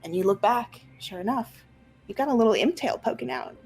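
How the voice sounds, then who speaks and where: A young woman narrating an online tabletop roleplaying game as game master, improvising her descriptions haltingly. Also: on the high side, animated, a little mellow, husky. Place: room at home, on a group video call. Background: faint music.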